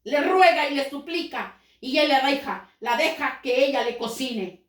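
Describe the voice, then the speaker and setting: A woman preacher telling a parable as a sermon, slowing down for dramatic moments and acting out the quotes. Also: high-pitched, reverberant. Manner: storytelling with dramatic slowdowns and acted quotes.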